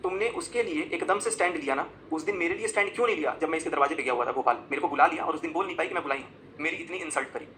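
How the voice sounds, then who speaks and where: A man's voice: fairly high pitch, racing, sharp tone, slight background noise, poor audio. A man ranting live on his vlog, agitated and accusing, explaining events as he shows chat screenshots on his phone, with emphatic bursts between muttered asides. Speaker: vlogger. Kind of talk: live confessional rant.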